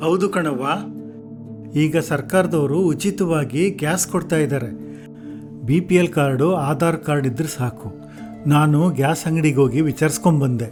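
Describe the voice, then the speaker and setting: An older man playing a gentle village grandfather. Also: on the high side, normal speed, music in the background, close to an everyday voice. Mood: explaining. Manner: gentle, coaxing. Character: kind old grandfather, gentle and caring.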